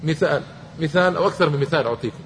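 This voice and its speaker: A man's voice: a little high, very fast. A man giving a religious history lecture, telling stories and repeating phrases for emphasis. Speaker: Islamic lecturer. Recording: long reverb, faint background noise.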